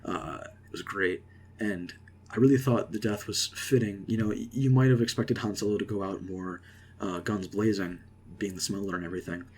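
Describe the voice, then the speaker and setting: A young man casually rambling through an excited movie reaction, with lots of fillers and restarts. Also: lowish voice, moderate pace, slightly rough. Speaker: vlogger.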